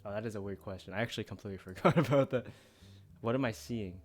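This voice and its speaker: This streamer has a fairly low voice and talks fast, soft music behind him as he games live. He keeps the chat casual and informal, with a self-deprecating streak.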